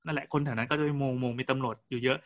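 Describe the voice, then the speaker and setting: A man's voice: mid-range voice, steady tone, very fast. A man co-hosting a podcast, telling a story in casual chat with frequent restarts and fillers. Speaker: podcast co-host.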